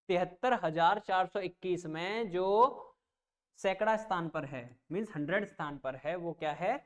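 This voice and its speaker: A man teaches an online math class in a patient, reassuring way. He walks through each step slowly, repeating numbers aloud and checking that the students understand. His explanations stay plain and simple. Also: sits high. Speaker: coaching teacher.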